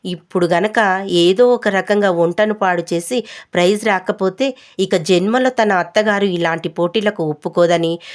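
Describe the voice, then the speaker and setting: A woman narrating a comic family story in a lively storytelling style. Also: mid-range voice.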